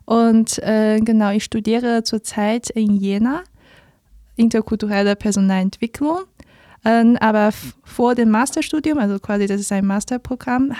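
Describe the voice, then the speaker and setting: A woman's voice: medium pitch, mellow, dry recording. A woman in her twenties from China, a native Chinese speaker with a Chinese accent, telling her story as a guest in a studio interview, careful and with many fillers. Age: 20s. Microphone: studio mic.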